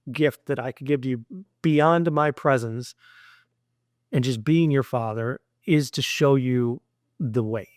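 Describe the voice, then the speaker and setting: A man speaking to his son in a heartfelt mindset lesson. He is earnest and long-winded, stringing thoughts together with "and," and gently encourages the boy. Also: mid-range voice, unhurried, no echo, studio quality. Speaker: father addressing his son.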